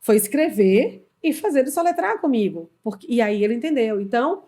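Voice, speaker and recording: Brazilian woman, middle-aged, lively storyteller who voices her own quotes, slightly high voice. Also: brisk. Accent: Brazilian Portuguese. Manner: animated storyteller, acts out quoted dialogue. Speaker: HR consultant, podcast guest. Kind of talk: casual storytelling in a podcast conversation.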